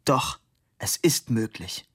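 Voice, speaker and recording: A man's voice: slow pace, no echo, studio quality, close to an everyday voice. A man reading an audiobook and voicing a grieving middle-aged father who makes bitter, accusing outbursts. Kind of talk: audiobook narration.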